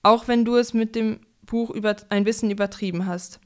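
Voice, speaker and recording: A quick, affectionate young girl who talks eagerly, put on by a woman reading aloud. The voice is raised and clear, with a smooth storybook tone. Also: a little high, fairly even intonation, lightly acted.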